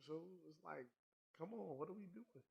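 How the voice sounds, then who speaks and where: A man co-hosting a podcast in casual chat, blunt, profane and animated. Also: on the high side, moderate pace, creaky, slightly rough, dull audio. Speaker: podcast co-host.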